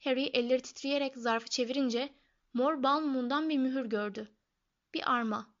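A woman giving expressive scripted audiobook narration. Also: sits high, normal speed, lo-fi sound.

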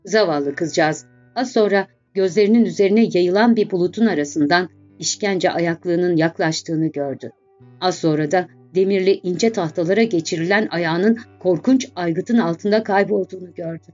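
A woman narrating a classic novel in a slow, measured reading. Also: lowish voice, darkish tone. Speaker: audiobook narrator. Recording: dull lo-fi audiobook with faint background music.

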